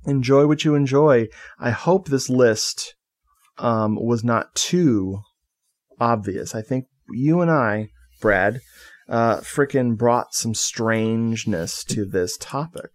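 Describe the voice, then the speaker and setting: A man's voice: medium pitch, slow pace. A man co-hosting a podcast, chatting casually in a loose, joking way and swearing freely. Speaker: podcast co-host. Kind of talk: casual chat.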